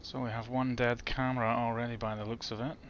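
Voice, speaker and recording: A man's voice: mid-range voice, level tone, brisk, dull audio, a little hiss or hum. A man giving casual, chatty commentary as he sets up a flight in a simulator, thinking aloud as he goes. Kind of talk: casual commentary while gaming.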